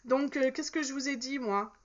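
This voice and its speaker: Talking through her shopping haul, this vlogger in her thirties speaks at a moderate pace in a voice that sits high. Her casual chat is hesitant and packed with fillers and self-corrections, over slightly dull audio with a bit of background noise.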